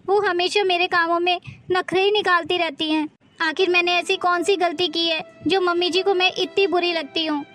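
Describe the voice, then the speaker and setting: A woman playing a meek, unhappy daughter-in-law who quietly laments how she is treated, in a family drama skit. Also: extremely high pitch, fairly even intonation, moderate pace. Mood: sad. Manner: plaintive, soft-spoken.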